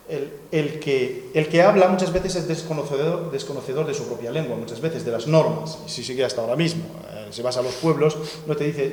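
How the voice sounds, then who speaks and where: A man's voice: a little high, a little mellow. Man lecturing in an echoey hall. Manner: conversational, digressive, many fillers and restarts; draws on a board while explaining. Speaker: lecturer at a seminar. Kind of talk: academic lecture. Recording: echoey hall, long reverb.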